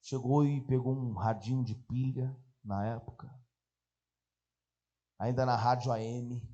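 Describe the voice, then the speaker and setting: A male pastor with a Brazilian accent, telling a story in a sermon and swinging between hushed passages and shouting. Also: mid-range voice, fairly even intonation, a little slow, dull audio. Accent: Brazilian Portuguese.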